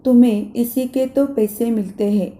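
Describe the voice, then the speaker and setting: A woman's voice: a little high, fairly even intonation, moderate pace, mellow, natural voice. A woman reading as a stern stingy house master. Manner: scolding, counting off deductions. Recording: echoey room.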